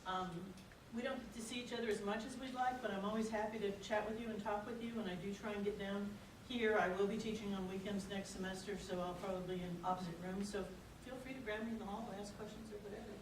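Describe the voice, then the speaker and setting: A woman's voice: medium pitch, fairly even intonation, quick pace. An older woman gives a folksy, rambling, informal orientation talk as a faculty speaker. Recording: distant mic, echoey room, noisy.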